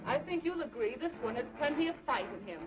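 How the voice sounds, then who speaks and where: An actress playing a cold, confident mad scientist in an old horror film, speaking in a clinical, imperious, deliberate way. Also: female voice, high-pitched, expressive, loud music behind the voice, low-quality recording. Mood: commanding. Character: cold, confident female mad scientist breeding obedient slaves.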